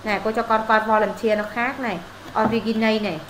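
A woman's voice: a little high, steady tone, fast talker, a little hiss or hum. A woman tutoring a pupil in English, firing questions at him and scolding and teasing him when he gets answers wrong. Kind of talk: casual one-on-one homework tutoring. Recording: echoey room with faint ambience.

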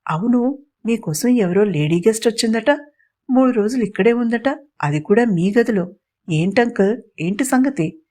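A woman's voice: mid-range voice, moderate pace, a little mellow, close to an everyday voice. A woman voicing a confident, sarcastic young prince in a storybook reading. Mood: teasing. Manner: teasing and sarcastic.

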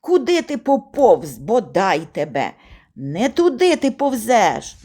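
A woman's voice: on the high side, big pitch swings, a little slow. A woman voicing a frightened, touchy village boy who calls out, snaps and pants as he crawls through a cornfield. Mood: irritated. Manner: yelling, irritable, breathless.

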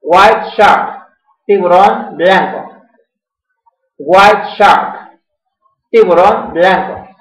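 A man's voice: sits high, fairly bright tone. Male teacher, patient repetition drill, heard from across an echoey room. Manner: repeats each word slowly, checking with "¿ok?". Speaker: English teacher. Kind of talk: classroom vocabulary drill. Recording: echoey room, mic far off.

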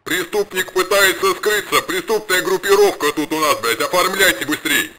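A man's voice: sits high, normal speed, noisy background. A man putting on a swearing cop on police radio. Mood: urgent. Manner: urgent, crude dispatch announcements. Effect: police radio transmission. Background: music.

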